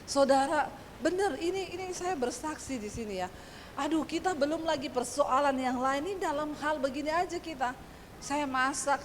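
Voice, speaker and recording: A high-voiced woman pastor with a Sulawesi accent preaches with animated storytelling. Her voice carries through a long, echoing hall reverb, and a faint ambience sits underneath. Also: slight background noise. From Sulawesi, Indonesia. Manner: animated storytelling, addressing the congregation. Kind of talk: sermon.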